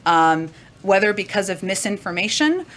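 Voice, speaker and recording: A woman answers questions as press secretary in a briefing room, speaking in a measured tone with many "uh" pauses. There is a faint hiss under her voice. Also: mid-range voice, very animated, fairly bright tone.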